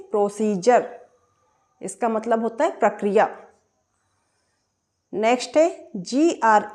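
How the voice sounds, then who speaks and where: A woman's voice: on the high side, a little mellow. A woman teaching English pronunciation, spelling words out letter by letter and asking and answering her own questions. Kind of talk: explaining pronunciation rules.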